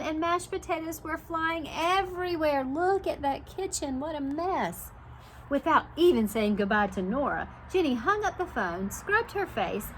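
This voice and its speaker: With a teacher's animation, a woman reads a children's picture book aloud, stopping to ask the young listeners questions as a preschool teacher would. Her voice is high, and there's a little background noise.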